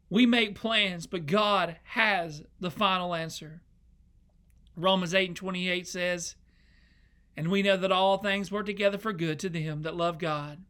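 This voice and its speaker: A young pastor preaches with a bright, forceful voice pitched fairly high for a man. He speaks earnestly and with emotion, circling back to repeat words as he builds each point. He sounds heartfelt, as if preaching from a church pulpit. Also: clear, resonant tone. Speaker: associate pastor. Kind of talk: sermon. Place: church sanctuary.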